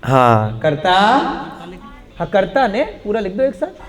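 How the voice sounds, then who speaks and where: A male teacher with a high voice runs a slow, deliberate classroom lesson, drilling his students with question after question. His voice rings out in a room with a long reverb tail. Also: huge pitch swings.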